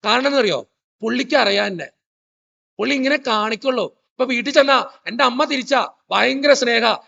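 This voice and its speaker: This is a priest giving a funny motivational talk, his voice high and gravelly. He spins family stories and throws quick questions at the audience. The livestream audio is muffled and dull. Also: bright, forceful tone. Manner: storytelling, joking, quizzing the audience. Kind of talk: humorous motivational church talk. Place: church hall.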